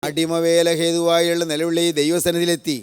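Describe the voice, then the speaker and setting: A man's voice: fairly high pitch, completely flat delivery, moderate pace, smooth. An older man from Kerala preaching a sermon, solemn and repetitive, stacking one parallel phrase after another. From Kerala, India. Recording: long hall reverb.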